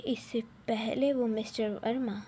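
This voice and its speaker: Slow-paced woman narrating a story. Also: on the high side, steady tone, dark tone, a little hiss or hum. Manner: slow, halting storytelling with short phrases. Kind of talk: reading a romance story aloud.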